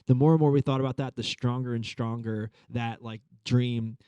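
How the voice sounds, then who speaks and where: A man's voice: medium pitch, steady tone, moderate pace, mellow, smooth, no echo. A man in his thirties giving a conversational sermon as a pastor, telling a story with many fillers. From Long Island. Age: 30s.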